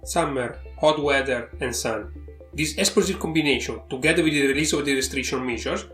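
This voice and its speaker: A man hosts an interview podcast in a mid-pitched voice. He uses non-native phrasing and drops into soft asides. The room gives his voice a clear echo, with faint music behind. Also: a little fast. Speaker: podcast host.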